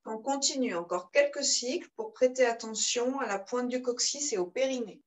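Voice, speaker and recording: A woman leads a yoga session in a calm, guiding voice. Between cues she chants short, rhythmic breath sounds, keeping the class moving. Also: on the high side, moderate pace, rough recording. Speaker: yoga teacher. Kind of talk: guided yoga class instruction.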